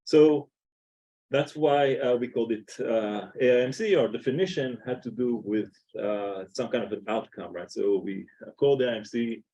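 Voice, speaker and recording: Israeli guy giving a seminar talk, mellow dark voice, keeps saying uh. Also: mid-range voice, highs cut off, slight background noise. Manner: halting, many filler "uh"s. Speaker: seminar speaker. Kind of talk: academic talk. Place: lecture room.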